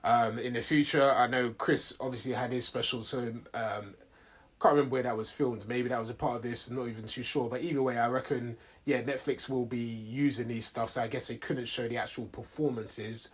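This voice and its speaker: A man's voice: mid-range voice, fairly even intonation, fairly quick, slightly rough. London roadman man chatting casually. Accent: London, urban roadman slang. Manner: slangy, with bruv and man dem. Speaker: podcast co-host reviewing films. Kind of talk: casual review chat.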